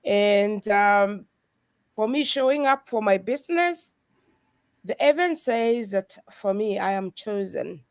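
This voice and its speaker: Her medium-pitched, clean-toned voice moves slowly with lively intonation, studio quality and echo-free. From Kenya, she appears as a guest in a faith-based talk, earnestly testifying about her faith and business journey and breaking into soft laughs.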